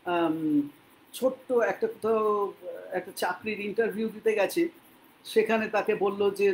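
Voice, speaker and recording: A man from Bengal teaching English to learners, speaking patiently and repeating words slowly so they can copy them. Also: sits high, a little hiss or hum, rough recording. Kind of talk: spoken English lesson in Bengali.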